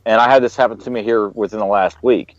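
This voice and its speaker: A man's voice: lowish voice, steady tone, fast, no room sound. A man co-hosting a show, talking in a blunt, profane, opinionated way. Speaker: show co-host. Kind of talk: casual chat. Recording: dry, muffled lo-fi audio.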